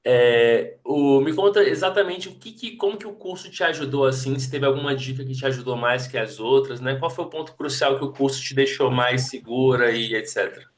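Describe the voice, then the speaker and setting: Man, teacher, interviewer, encouraging, joking, mid-pitched voice. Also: a little fast, hardly any pauses. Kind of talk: casual interview chat.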